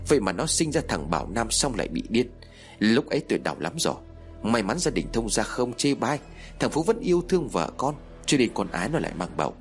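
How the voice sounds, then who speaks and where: A man's voice: mid-range voice, lightly acted. A man voicing a grieving, frantic older mother who cries and blames her husband. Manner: tearful, accusing outbursts.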